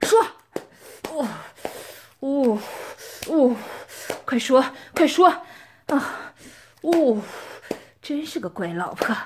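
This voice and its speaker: A woman's voice: high voice, very animated, extremely slow, long pauses, full character voice. A woman playing a bossy possessive older schoolmate. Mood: domineering. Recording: noisy recording with clicks.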